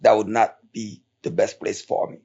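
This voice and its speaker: A man from Haiti with a Haitian Creole accent, hosting a casual interview and talking in animated, emphatic bursts. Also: lowish voice, moderate pace, gravelly, husky, highs cut off. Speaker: talk show host.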